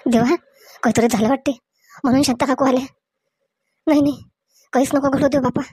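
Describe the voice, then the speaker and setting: A woman acting as a fretting, anxious village mother. Her voice sits somewhat high, and the recording is dry and close in a homemade comedy skit. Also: steady tone, a little fast, warm tone, slightly rough, no echo.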